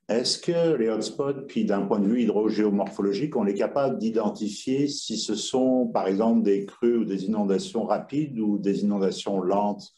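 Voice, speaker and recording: A man with a low voice puts an academic question in a conversational style. He talks discursively and rewords his thought along the way. The recording has plenty of room echo. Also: mellow. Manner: discursive, rephrasing as he goes. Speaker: audience questioner. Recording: roomy, echoing sound.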